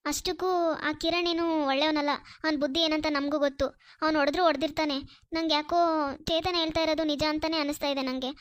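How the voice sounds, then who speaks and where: A woman voicing a kind, trusting young female college student in a cartoon, soft and earnest. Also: sits high, steady tone, brisk, dry recording, studio quality, natural voice. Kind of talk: Kannada cartoon voice acting.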